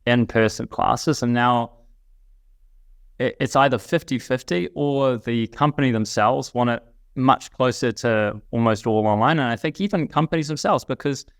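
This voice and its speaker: A man speaks as an interview guest, his voice smooth and clear. He talks in a thoughtful, reflective way, often restarting his sentences. The sound is close and dry, with no room around it. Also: medium pitch, normal speed, dry recording. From New Zealand. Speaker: guest, company CEO. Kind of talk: casual interview chat.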